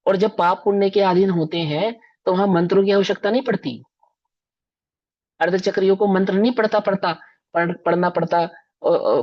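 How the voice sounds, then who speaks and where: Emphatic male scripture teacher, lo-fi. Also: high-pitched. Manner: emphatic, rhetorical questions to listeners. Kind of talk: religious discourse lecture. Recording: dull lo-fi recording.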